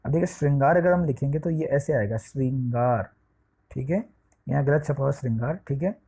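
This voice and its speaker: Man teaching sanskrit letters, dark husky voice, keeps saying okay, look here. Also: mid-range voice, brisk. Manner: explains step by step, spelling out letters one at a time; often checks with "ठीक है" and "देखिए". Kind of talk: classroom lesson for eighth-grade students.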